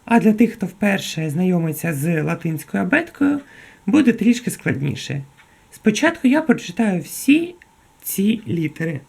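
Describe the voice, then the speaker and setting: A woman teaching a beginner German lesson, saying each letter slowly and clearly and asking learners to repeat after her. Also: fairly low pitch, big pitch swings, a little mellow. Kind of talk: slow, careful beginner language lesson.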